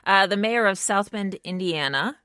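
A woman's voice: mid-range voice, expressive, normal speed, sharp tone, dry recording, clean studio sound. A woman hosting a radio interview, asking short, direct questions of a political guest.

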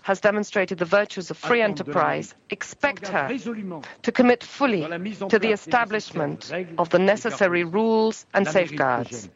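A man interpreting a formal speech live as a translation voice-over, speaking slowly and measuredly, heard from an archive clip of the address. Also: high voice, animated, creaky. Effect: simultaneous translation voice-over of a speech. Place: legislative chamber during an address. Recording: dull archive clip with crowd behind.

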